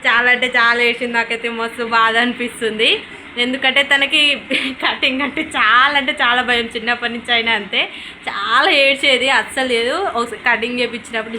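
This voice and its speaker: High-voiced woman coaxing her child. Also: pushed and bright. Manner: coaxing, playful, sing-song with a small child. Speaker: vlogger mother. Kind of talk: casual home vlog, coaxing a child. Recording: echoey room with background noise.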